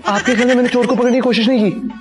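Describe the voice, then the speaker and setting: Brief: defensive, flustered man, quick earnest delivery. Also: very high voice, steady tone, over music. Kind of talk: TV drama acting.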